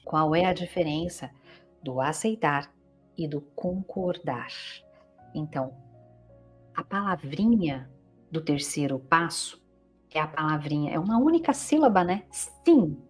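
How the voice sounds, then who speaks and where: A woman's voice: deep voice, expressive, a little slow, long pauses, slightly rough, soft background music. A woman with a Brazilian Portuguese accent, a psychologist giving an explanatory teaching talk, patiently checking in with her listeners as she goes. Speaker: psychologist and family constellation teacher.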